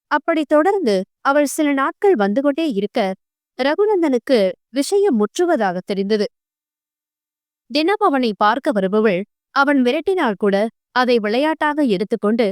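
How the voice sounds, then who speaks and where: A woman narrates an audio novel with a high, smooth, polished voice. Her reading is measured and expressive, and the recording is close and dry. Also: dry recording. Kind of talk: scripted narration.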